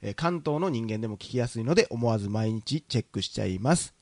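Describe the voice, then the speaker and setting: A man's voice: medium pitch, lively intonation, fast talker, a little mellow, dry recording. A young man with an Osaka Kansai accent co-hosting a podcast, reading out listener reviews with jokey mock emphasis. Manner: jokey, teasing, reads aloud with mock emphasis. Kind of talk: casual podcast chat.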